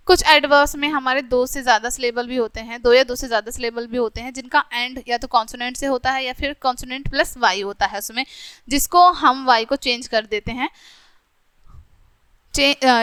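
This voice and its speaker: A woman with an Indian English accent teaching a grammar lesson to children. She reads English examples slowly and then explains them. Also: sits high, pushed and bright, clean tone, no echo.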